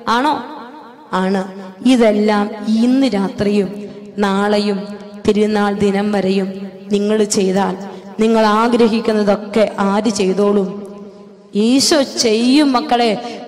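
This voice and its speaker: A preacher delivering a sermon to a congregation, asking rhetorical questions and answering them, swinging between loud bursts and hushed lines. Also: mid-range voice. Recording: long reverb of a hall.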